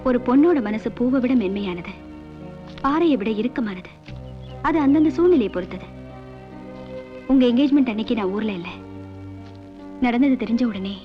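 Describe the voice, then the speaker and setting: An actress playing a kind woman calmly consoling a troubled man. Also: fairly high pitch, natural voice. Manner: calm, reassuring. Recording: dull film soundtrack with faint music.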